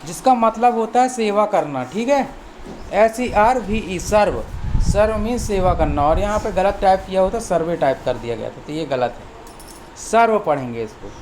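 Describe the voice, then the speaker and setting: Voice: mid-range voice, lively intonation, moderate pace, darkish tone, slight background noise. A teacher giving a language lesson who spells each word out letter by letter, then repeats it and gives its meaning, checking in often. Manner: patient and repetitive, often checks in with "theek hai". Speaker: English teacher. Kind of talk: language lesson explained in Hindi.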